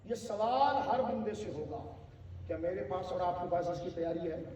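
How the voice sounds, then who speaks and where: High-voiced preacher in an echoing hall. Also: male voice, mellow, slight background noise. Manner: exhorting, rhetorical questions and listed appeals, calls audience to respond. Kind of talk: Urdu religious sermon to a gathering. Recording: distant, echoey, dull lo-fi hall recording.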